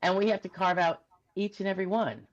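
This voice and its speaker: A woman's voice: mid-range voice, fairly even intonation, fairly quick, lo-fi sound. A woman attorney in a casual discussion, thinking aloud and checking in with "right?".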